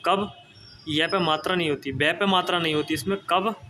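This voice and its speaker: A man's voice: a little high, steady tone, normal speed, sharp tone, a little hiss or hum. A man running an exam-prep spelling lesson, repeating each word several times and checking in with his students as he goes.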